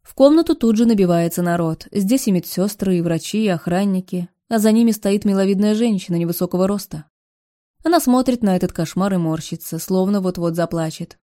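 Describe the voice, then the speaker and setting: A woman narrating a novel in the first person, steady and expressive. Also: medium pitch, a little fast. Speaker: audiobook narrator.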